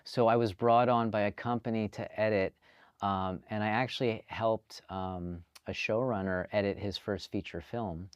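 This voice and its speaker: A man from Canada, a filmmaker telling his story in a relaxed, chatty interview. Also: fairly low pitch, moderate pace, clear, resonant tone, no echo, lo-fi sound. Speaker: guest filmmaker. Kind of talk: casual interview.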